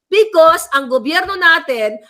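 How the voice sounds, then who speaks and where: A woman's voice: very high voice, lively intonation, a little slow, fairly bright tone. A middle-aged woman from the Philippines with a Filipino accent, vlogging rambling, impassioned political commentary and switching between English and Tagalog. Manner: impassioned, emphatic.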